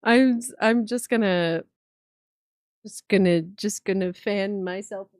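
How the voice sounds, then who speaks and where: A woman streamer reacting live, talking in a gushing, excitable way with swearing and laughter. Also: mid-range voice, takes it slowly, no room sound, clean studio sound.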